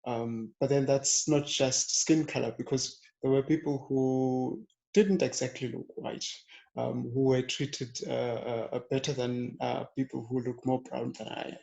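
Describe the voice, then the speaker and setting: A man's voice: mid-range voice, steady tone, measured pace, gravelly, darkish tone, poor audio. A man from South Africa speaking as a panelist, talking thoughtfully with many fillers and restarts. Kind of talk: panel discussion talk.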